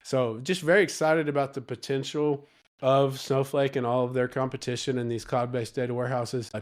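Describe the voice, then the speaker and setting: A man from Alabama with a soft Southern drawl, getting over a cold, explains things like a coach in an interview, emphatic and encouraging, repeating key phrases. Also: medium pitch. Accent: Southern Alabama, United States. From Alabama, United States. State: recovering from a cold. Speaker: data coach and interview guest.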